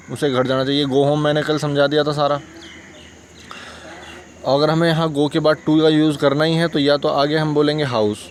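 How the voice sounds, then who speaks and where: A man's voice: a little high, a little hiss or hum. A man with a Hindustani accent teaching English grammar, patiently repeating examples and checking that listeners follow. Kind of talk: explaining grammar lesson.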